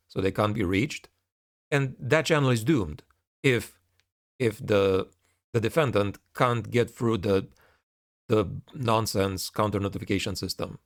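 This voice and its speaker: A man's voice: fairly low pitch, dry recording, clean studio sound. A man giving a casual video update, reading out messages and commenting on them, often repeating and restarting his phrases.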